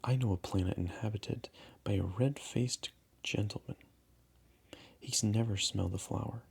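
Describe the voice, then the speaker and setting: A man's voice: lowish voice, normal speed, vocal fry, a little mellow, breathy edge, full character voice. A man voicing a small, earnest and indignant boy prince in a storybook reading, with insistent questioning. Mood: angry hurt.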